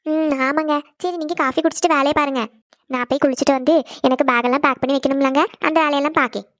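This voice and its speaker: A woman's voice: sits high, fairly even intonation, fast, fairly bright tone, no room sound, studio quality, voice pushed down. Woman doing Janani, an anxious young wife. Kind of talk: cartoon voice acting.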